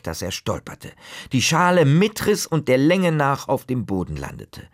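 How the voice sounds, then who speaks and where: A man reading a children's story aloud, expressive and dramatic, sometimes dropping to a whisper for suspense. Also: medium pitch.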